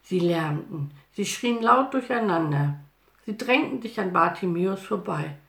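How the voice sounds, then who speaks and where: Fields: Woman narrating a Bible story, gravelly. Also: fairly low pitch, measured pace. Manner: lively, expressive storytelling. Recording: roomy echo.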